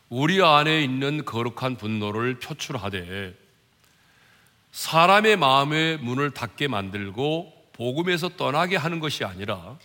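A male pastor preaching a sermon, dropping to hushed low asides and then rising loud and high as he acts out mockers and urges the congregation. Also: big-room sound.

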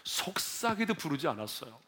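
A male pastor delivering a sermon in a fairly high, very animated voice that climbs through loud, emphatic runs and then falls to a quiet, low tone. He poses questions to the congregation and leads them in reading aloud together. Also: brisk. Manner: builds to loud emphatic climaxes, then drops low and soft.

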